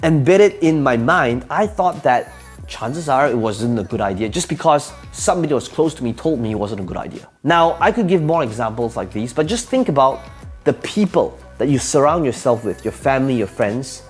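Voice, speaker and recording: Over soft background music, a Cantonese-speaking entrepreneur offers motivational advice straight to camera in an animated, mid-range voice at normal speed. He's emphatic, asks rhetorical questions and repeats his main points.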